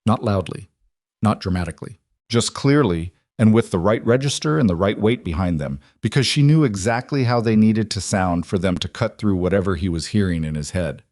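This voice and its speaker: A man narrating a dramatic story in a measured, scripted reading. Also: lowish voice, expressive, darkish tone, no room sound, clean studio sound.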